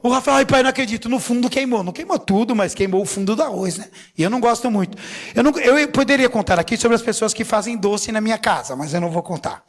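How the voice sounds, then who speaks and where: A middle-aged man, a bishop, preaching a lively sermon full of stories and jokes, acting out what others said with big swings in his voice. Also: fast. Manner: animated, jokey, acts out quotes with big pitch swings. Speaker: bishop and pastor. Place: church sanctuary. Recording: long reverb of a church hall.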